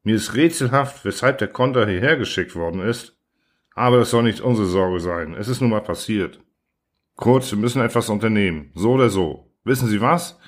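A man voicing a gruff, irritable starship commander who is blunt and sarcastic, in an audiobook reading. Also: on the low side, lively intonation, normal speed, natural voice. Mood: weary, blunt. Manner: blunt, sarcastic, flares into shouting.

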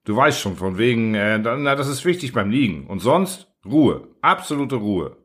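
A man reading a fussy amateur doctor who hands out sick-bed orders slowly and emphatically. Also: medium pitch, very animated, a bit bright. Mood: instructive.

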